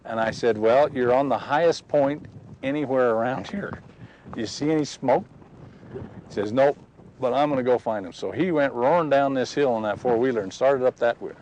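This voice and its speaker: A man's voice: mid-range voice, moderate pace, darkish tone, muffled recording, a little hiss or hum. A man giving an earnest personal faith testimony outdoors at a historic site, acting out the dialogue as he tells it. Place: outdoors on a ridge.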